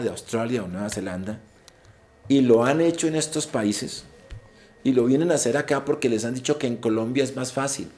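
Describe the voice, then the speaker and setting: A man giving an online information session. He speaks emphatically and drives his points home by repeating them, at a middle pitch. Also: darkish tone. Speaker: IELTS presenter.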